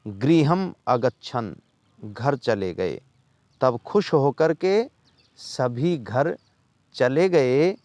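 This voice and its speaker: Male teacher, patient, line-by-line lesson, very slow, dry close sound. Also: fairly high pitch, gravelly, darkish tone, no echo. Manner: reads a line, then translates it slowly and patiently. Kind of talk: classroom lesson explaining a textbook chapter.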